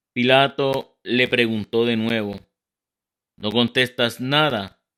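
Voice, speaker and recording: Male lector, Puerto Rican accent, solemn liturgical reading, bright voice, very deliberate delivery. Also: medium pitch. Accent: Puerto Rican Spanish. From Puerto Rico. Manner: slow, measured and solemn.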